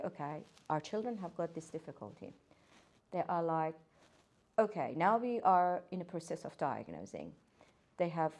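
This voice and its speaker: Her voice sits low and darkish. An occupational therapist from Iran, she appears as a guest in a casual podcast interview, speaking earnestly but hesitantly, with fillers and restarts.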